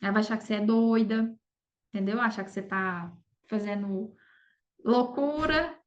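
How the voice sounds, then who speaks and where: With a mid-range voice at normal speed, a Brazilian woman who works in affiliate marketing tells her story in Portuguese as a podcast guest. Her casual telling keeps reaching for agreement through small tag questions, and the lo-fi audio sounds dull.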